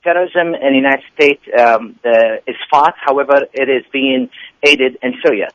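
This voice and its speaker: A man calls in to a radio show as an activist guest and argues his case insistently, stumbling through fillers and restarts. His voice comes through a dull, muffled phone line with a dry, close sound and a middle pitch. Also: steady tone, moderate pace, a bit bright, no room sound. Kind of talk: phone interview, argumentative commentary.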